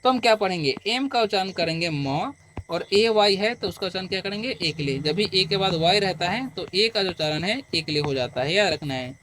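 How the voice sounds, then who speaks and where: A man teaching beginner English, explaining slowly and patiently and answering his own questions again and again. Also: high-pitched, animated, a bit bright, a little hiss or hum. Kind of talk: beginner language lesson.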